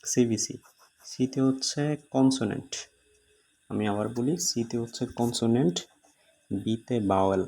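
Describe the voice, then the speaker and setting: A man teaching English grammar to students, explaining each rule step by step and repeating it slowly, with frequent "uh" fillers. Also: medium pitch, mellow, husky.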